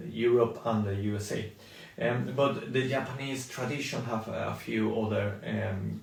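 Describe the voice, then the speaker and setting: A middle-aged man from Spain, chatting casually and haltingly on a live stream, with many ums and restarts. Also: mid-range voice, creaky, a little hiss or hum. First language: Spanish. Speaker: toy designer on a live stream. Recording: echoey room, mic at a distance.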